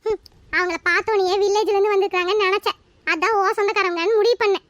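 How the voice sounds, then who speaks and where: A bossy, taunting mother-in-law, played by a woman, her voice very high and her speech rapid. Her lines are dry and close to the mic, in a homemade family comedy skit. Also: steady tone, fairly bright tone, no room sound, highs cut off. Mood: scornful. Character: sharp-tongued mother-in-law, older woman.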